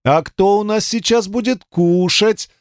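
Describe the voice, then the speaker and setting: Man putting on a higher coaxing voice for an underworld queen, playful, audiobook, dry studio. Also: a little slow, dry recording. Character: queen of the underworld, amused, teasing woman.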